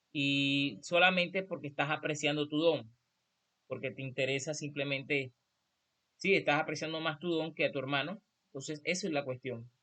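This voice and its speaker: A man calmly teaching a church class, explaining and correcting himself as he goes. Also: a little high. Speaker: teacher of a prophetic school class.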